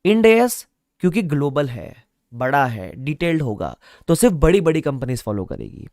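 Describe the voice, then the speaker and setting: A man's voice: on the high side, big pitch swings, moderate pace, a little mellow, no echo, studio quality. A man teaching an online class, repeating key points with playful asides. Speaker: online exam-prep teacher. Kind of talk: lively classroom lecture.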